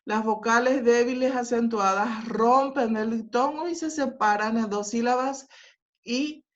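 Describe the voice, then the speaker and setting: A woman teacher giving a patient class over a video call, often checking that her students follow along. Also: fairly high pitch. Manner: slow, patient explaining with frequent filler sounds and checks. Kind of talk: online class lecture. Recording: dull lo-fi audio.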